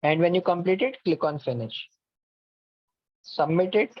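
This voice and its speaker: Unhurried and with lively intonation, a man whose voice sits high patiently takes students through an online course platform one step at a time, saying "okay" often. His video call mic gives a dull, lo-fi, dry recording.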